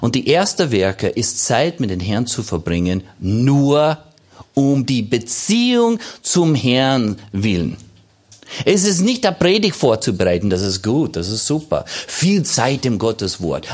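A man's voice: mid-range voice, sing-song, unhurried. A man preaching a sermon as pastor, stressing his points by repeating phrases and by asking questions and answering them himself.

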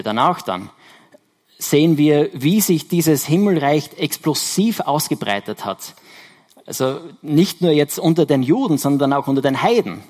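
A man delivers a Sunday sermon in an explanatory, conversational way. He pauses to correct himself and stresses key words by repeating them. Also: medium pitch. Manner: explanatory, self-correcting, emphatic repetitions. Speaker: preacher.

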